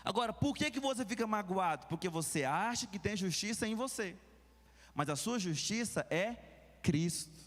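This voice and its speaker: A man with a Brazilian Portuguese accent preaching a sermon as pastor, shifting between quick asides and slow, stressed words. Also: high-pitched. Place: large church hall. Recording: long reverb of a church hall.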